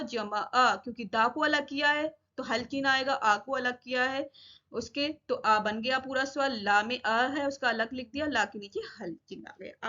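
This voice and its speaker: A woman's voice: a little high, bright, forceful tone, dull audio. A woman teaching a grammar lesson to children, who asks a question after each point and then answers it herself.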